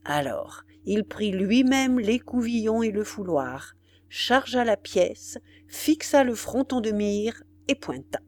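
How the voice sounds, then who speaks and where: Brief: female audiobook narrator, dramatic and expressive, mid-pitched with wide swings. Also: slow, slight background noise. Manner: dramatic, varied reading.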